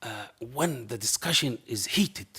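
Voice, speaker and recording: Seated at a panel table in a dim lecture hall, a middle-aged man with a heavy Arabic accent acts out both voices in an anecdote for the audience. His mid-range voice is lively in intonation, a touch slow, a bit bright and slightly rough. He speaks with passion and non-native phrasing, and a table mic records this public storytelling talk.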